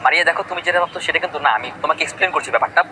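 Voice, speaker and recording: A man playing a fast-talking young son. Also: a little high, noisy background, lightly acted. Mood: pleading. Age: young adult. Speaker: actor. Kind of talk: comic drama acting. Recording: dialogue over loud background music.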